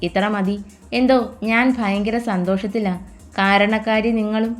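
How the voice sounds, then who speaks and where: A woman's voice: medium pitch, steady tone, measured pace, lightly acted. A doting young husband, read by a woman narrator. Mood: firm. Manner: tender, coaxing. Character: young man, doting, teasing new husband.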